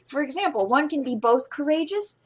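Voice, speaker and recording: A woman's voice: sits high, animated, brisk, pitched above the performer's own voice. A woman voicing a cocky young male ruffian turned game hero, dry and sarcastic.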